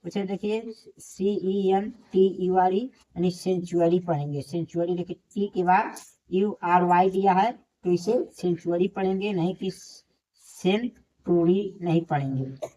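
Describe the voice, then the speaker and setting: Low, dark-voiced woman teaching English pronunciation. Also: slow pace. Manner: spells out letters one by one, then repeats the correct word. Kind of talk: classroom lesson. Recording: dull lo-fi recording.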